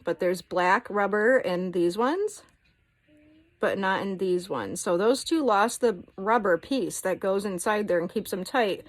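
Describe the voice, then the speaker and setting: A woman's voice: medium pitch, rough recording. Chatty, frank woman vlogging. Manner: chatty and frank, swears casually. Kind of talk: casual show-and-tell vlog.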